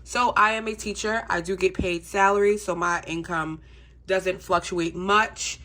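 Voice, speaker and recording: In her budgeting vlog, a young adult woman with a congested, fairly low voice speaks to viewers a little slowly. Her manner is relaxed and chatty, peppered with ums.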